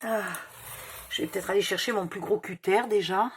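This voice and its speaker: Hosting a relaxed crafting tutorial, a woman with a faint Provençal accent talks in a steady, medium-pitched voice at a moderate pace. She mutters her measurements while thinking them through and corrects herself, with slight background noise behind her.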